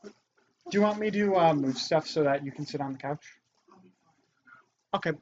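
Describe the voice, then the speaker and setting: A man chatting casually and excitably through a let's play of a party board game, often saying dude. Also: a little high, moderate pace. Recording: dull mic with faint noise.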